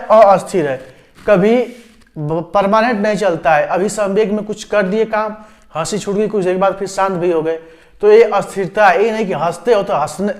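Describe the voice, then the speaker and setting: Male lecturer from India with a high-set voice, explains by repeating terms, often checks students are following. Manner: repetitive explaining, frequent "समझ गए?" checks. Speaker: teacher. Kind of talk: exam-prep lecture.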